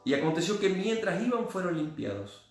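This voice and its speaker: A man with an Argentine accent preaching a sermon, swinging between loud cries and hushed tones. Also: sits high, very animated, brisk. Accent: Argentine Spanish. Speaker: pastor. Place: church. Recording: very echoey church hall with faint music.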